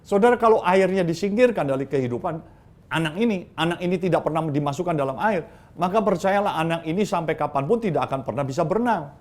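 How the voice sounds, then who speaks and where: A man's voice: on the high side, animated, quick pace, darkish tone. A male pastor giving a conversational sermon, acting out quoted dialogue with his listeners. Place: church livestream.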